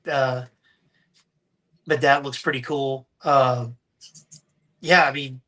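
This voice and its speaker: Guy co-hosting a live stream, jokey and rambly, sharp bright tone. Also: medium pitch, fairly even intonation, slow. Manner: rambling, jokey, many fillers and restarts. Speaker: co-host. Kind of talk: casual live-stream chat.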